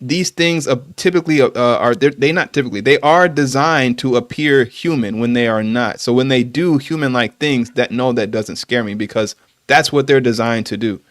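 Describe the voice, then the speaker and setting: A man hosting a casual podcast livestream, explaining things calmly with frequent fillers. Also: mid-range voice, dry recording, studio quality. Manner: explanatory, measured, with many fillers. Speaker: podcast host.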